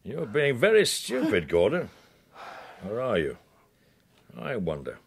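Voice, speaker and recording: The speaker is a male actor portraying a menacing, sardonic British secret service interrogator in a radio crime drama, measured and insinuating in his speech. His mid-range voice is creaky, slightly rough and exaggerated, with huge swings in pitch.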